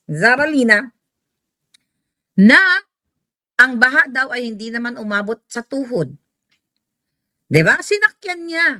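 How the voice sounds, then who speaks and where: A woman's voice: high-pitched, bright, forceful tone, no room sound. A woman with a Filipino accent giving heated, mocking political commentary, mixing in English asides.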